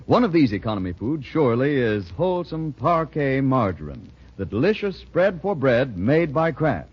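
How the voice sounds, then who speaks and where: An American announcer on 1940s radio reads scripted ads and narration with polished, emphatic salesmanship. His mid-range voice has a sing-song lilt and a breathy edge, moving at a normal speed. The 1940s radio recording sounds dull.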